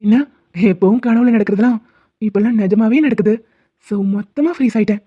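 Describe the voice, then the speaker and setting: A woman voicing a teasing, doting young husband in an animated cartoon who worries easily. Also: a little high, brisk, husky, no echo, highs cut off. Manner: teasing, fussing, affectionate.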